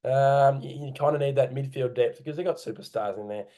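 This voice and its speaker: Brisk and warm, this mid-range male voice belongs to an Australian co-host chatting casually on a sports podcast from his home. His talk wanders, with hesitations and frequent self-corrections.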